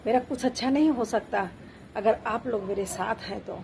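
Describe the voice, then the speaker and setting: A woman's voice: on the high side, normal speed, vocal fry, darkish tone, slight background noise. A woman voicing an adult son, an office worker who speaks irritably and scoldingly. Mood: irritated.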